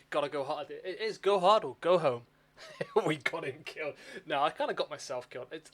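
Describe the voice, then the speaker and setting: A man's voice: a little high, a bit bright. A man hosting a casual game livestream, chatting with viewers in an exclamatory way. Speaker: livestream gamer and host. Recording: clearly noisy livestream microphone. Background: game sounds and background noise.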